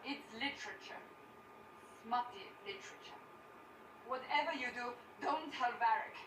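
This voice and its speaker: A woman's voice: fairly high pitch, moderate pace, close to an everyday voice. An actress playing a proud, defensive warrior woman in a video game, clipped and easily flustered. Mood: indignant. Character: proud, defensive warrior woman, secretly smitten with romance tales. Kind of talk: dramatic game dialogue. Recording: roomy, distant, very noisy game capture.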